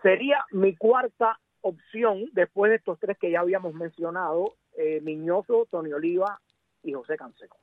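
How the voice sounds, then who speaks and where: This sports guest commentator from Cuba has a high voice and speaks at a moderate pace, chatting casually, stressing his points and repeating words. The recording is dry, heard through a narrow connection that sounds like radio or phone.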